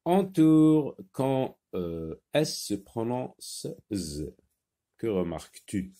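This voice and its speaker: Slow, lively-voiced male phonics teacher. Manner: slow, carefully over-articulated words, lively rising and falling pitch. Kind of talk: phonics lesson for young children.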